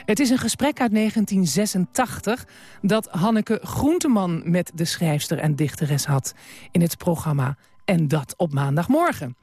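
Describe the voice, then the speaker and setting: A woman with a Dutch accent, a radio presenter calmly reading a scripted introduction. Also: on the low side, normal speed, husky, dry recording.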